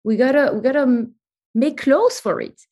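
Speaking at normal speed with a high-pitched voice, a company CEO from Belgium, a woman in her thirties, chats as a remote interview guest. Her storytelling is animated and chatty, packed with fillers.

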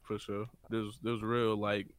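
A young man in casual, slangy chat, swearing and repeating words in excited bursts. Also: fairly low pitch, unhurried, clear, resonant tone, no echo. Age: young adult.

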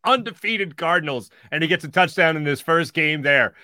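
Male sports-talk host, high and bright, energetic, quick asides, dry close sound. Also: dry recording. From Philadelphia area. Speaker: podcast host.

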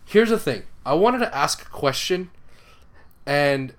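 A man's voice: on the high side, animated, measured pace. A man co-hosting a fantasy football podcast in casual chat, laid-back and joking, with casual swearing. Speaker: podcast co-host.

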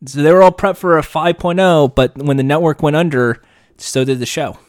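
Podcast co-host, male, slightly high voice, dry close mic, casual swearing storyteller. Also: normal speed, no echo. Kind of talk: casual chat.

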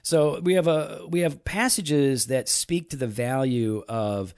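A man's voice: medium pitch, measured pace, clean tone. A man in his forties co-hosting a casual faith discussion, teasing his friend and then teaching earnestly. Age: 40s. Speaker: podcast co-host.

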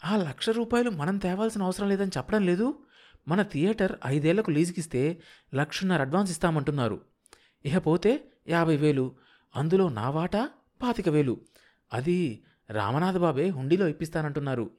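A man voicing a sharp-tongued, scheming middle-aged wife who scolds her husband. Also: a little high, expressive, moderate pace, long pauses, pitched above the performer's own voice, natural voice. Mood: scolding. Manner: bossy, impatient, scolding.

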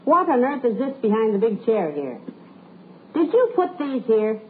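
A woman's voice: fairly high pitch, sing-song, normal speed, husky, heavily acted. A woman playing a sensible, gracious middle-aged wife keeping a foolish husband in line, in 1940s radio comedy style. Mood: skeptical. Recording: noisy old phone-like radio recording.

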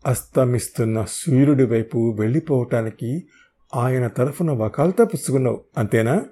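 A man narrating a novel in the first person with a measured, expressive reading. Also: mid-range voice, slightly rough. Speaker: audiobook narrator.

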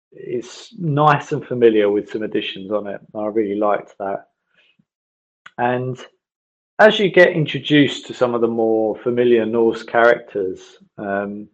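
A man leaving an enthusiastic, rambling voicemail over a landline phone, giving casual game impressions with many restarts. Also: lowish voice. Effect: heard over a landline phone as a voicemail message. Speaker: gamer leaving a voicemail review. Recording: dull lo-fi phone line.

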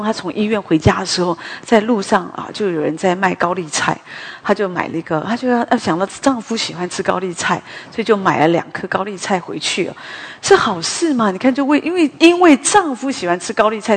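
A woman giving a conversational sermon at a women's prayer meeting, a chatty, animated storyteller who drifts into asides. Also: mid-range voice, a little fast, slightly rough. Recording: long hall reverb.

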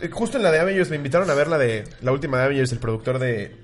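Fast-talking, crude Mexican man. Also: mid-range voice, lively intonation. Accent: Mexican Spanish. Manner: crude, rapid, mocking impressions. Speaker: podcast co-host; stand-up comedian. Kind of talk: casual comedic chat.

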